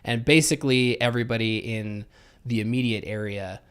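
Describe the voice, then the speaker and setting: A man's voice: mid-range voice, fairly even intonation, moderate pace, a bit bright, smooth. A man co-hosting a casual podcast, telling a rambling story and swearing casually. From Utah. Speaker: podcast co-host. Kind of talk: casual chat.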